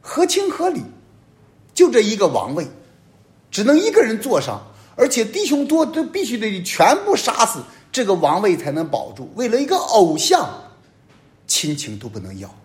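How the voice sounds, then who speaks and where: Male priest, fairly high voice, very animated delivery, emphatic homily with loud peaks and hushed drops. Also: normal speed. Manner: emphatic preaching, sweeping rises and drops in pitch and loudness.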